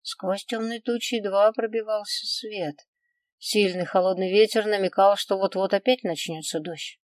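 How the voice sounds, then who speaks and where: A woman narrating a first-person audiobook in an even, measured reading. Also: mid-range voice, no room sound. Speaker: audiobook reader.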